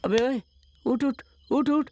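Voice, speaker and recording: An actor dubbing a jittery young man in a horror film, hurriedly waking and calming his scared friends. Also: extremely high pitch, a little hiss or hum, heavily acted. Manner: hurried, coaxing, rough-casual. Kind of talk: Hindi film dub. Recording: dubbed film audio with music.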